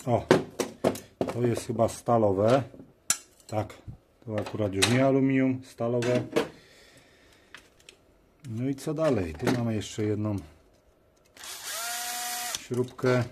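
A man hosting a video mutters short phrases to himself while working at a cluttered bench indoors, keeping up an informal running commentary. He speaks slowly at a medium pitch and pauses often. The background carries clear noise and clicks from tools and parts.

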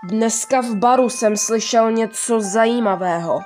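A woman's voice: a little high, darkish tone, faint music behind, close to an everyday voice. A woman voicing Karube, a teenage boy eagerly sharing a rumor with his friends. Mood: conspiratorial.

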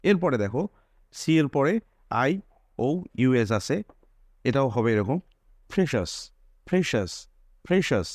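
A man's voice: medium pitch, expressive, measured pace, pauses often, no echo, clean studio sound. A man teaching English pronunciation, repeating each example word several times and pointing things out. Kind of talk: spoken English pronunciation lesson.

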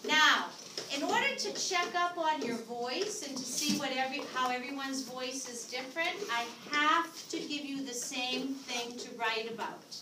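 A woman's voice: high-pitched, normal speed. A woman teaching a class as a visiting teacher, patiently prompting students to repeat her words, in a school classroom. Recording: echoey classroom from far off, noisy.

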